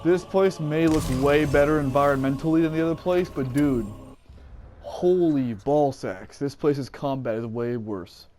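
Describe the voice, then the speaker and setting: Male gamer, fairly high voice, profane, sarcastic, casual commentary, game music behind. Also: a little slow, darkish tone. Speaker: gamer, let's play host.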